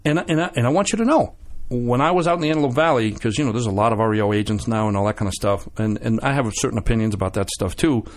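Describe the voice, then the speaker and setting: A man guest on a radio show, telling animated stories with many restarts and acted-out quotes. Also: mid-range voice, racing. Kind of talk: casual storytelling chat.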